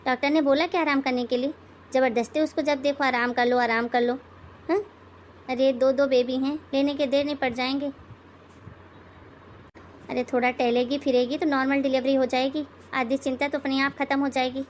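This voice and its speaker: A woman voicing an outspoken elder daughter-in-law in an animated moral story, lecturing and sarcastic. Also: sits high, moderate pace, a little hiss or hum, close to an everyday voice.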